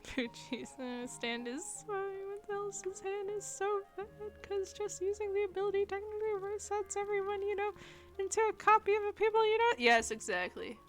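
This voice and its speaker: A woman's voice: extremely high pitch, expressive, moderate pace, over music. A woman streaming a game, chatting casually in a giggly, playful way and laughing often. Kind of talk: casual gaming stream chat.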